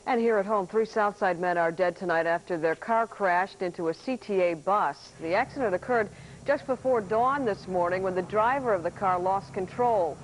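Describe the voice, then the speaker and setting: A woman reading TV news as anchor, with a crisp, formal delivery. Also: medium pitch, normal speed, poor audio. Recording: off-air TV tape, faint hiss.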